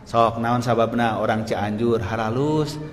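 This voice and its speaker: A man with a Sundanese accent preaching a sermon, telling stories with lively energy, laughing often and shouting out the lines he quotes. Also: medium pitch, measured pace, soft background music. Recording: echoey hall with faint noise.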